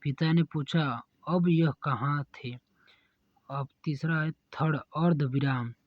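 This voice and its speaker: A man who teaches, reading exam answers aloud in a steady dictation-like way and correcting himself now and then. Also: fairly high pitch, slow pace, no echo, highs cut off.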